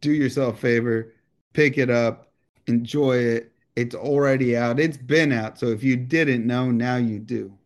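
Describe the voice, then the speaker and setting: A man's voice: mid-range voice, steady tone, unhurried. Profane, ranting male podcast co-host. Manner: crude, profane, ranting, laughs often. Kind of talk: casual podcast chat.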